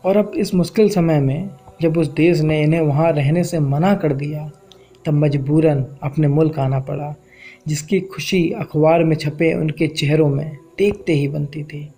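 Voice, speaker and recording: A man's voice: fairly high pitch, steady tone, measured pace, dark tone, husky, soft background music. Reflective male spoken-word storyteller. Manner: earnest, reflective. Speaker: poet and storyteller.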